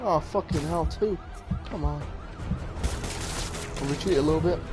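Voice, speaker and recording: A man from England giving casual, rambling commentary while playing a game, talking fast and swearing when things go wrong. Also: on the high side. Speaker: gamer commentator. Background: faint game music.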